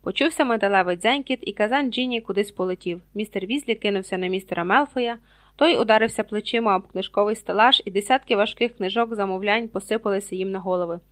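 A woman's voice: mid-range voice, quick pace. Woman reading a story aloud. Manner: reads page numbers aloud, voices characters with raised loudness. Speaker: audiobook reader. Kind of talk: scripted narration.

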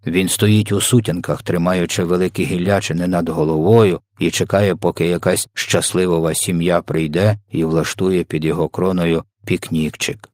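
A man voicing a kind, soft-spoken giant who jumbles his words, in an audiobook reading. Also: low voice, steady tone, normal speed, hardly any pauses, no echo, clean studio sound, lightly acted. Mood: explaining. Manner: soft, muddled, made-up words. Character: kindly big male giant, soft-spoken, mangles words.

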